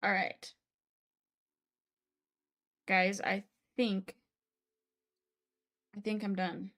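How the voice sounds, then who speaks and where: A woman's voice: medium pitch, level tone, extremely slow, a bit bright. A young woman live-streaming a building game, chatting casually with her viewers in a bubbly, exclamatory way. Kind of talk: casual live-stream chat while playing.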